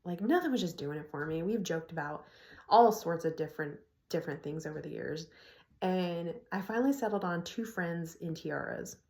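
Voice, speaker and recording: A woman's voice: lowish voice, moderate pace, a little mellow, reverberant. A middle-aged woman casually telling a personal story to her phone camera, laughing often as she talks. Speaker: vlogger. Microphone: phone propped on an ironing board.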